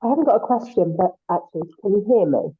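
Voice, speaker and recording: A woman's voice: medium pitch, animated, fast talker, slightly rough. Woman on a muffled, underwater-sounding call line. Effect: muffled, underwater-sounding connection. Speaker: team member on a group call. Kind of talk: casual chat. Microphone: video call.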